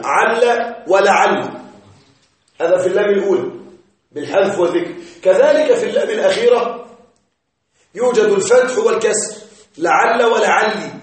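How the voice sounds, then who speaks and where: A male teacher with a high voice lectures on grammar. He works slowly, repeating each point and asking his students if they follow. The sound is distant and heavily echoed, as if from the back of a bare classroom. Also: darkish tone. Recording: very echoey room, voice far from mic.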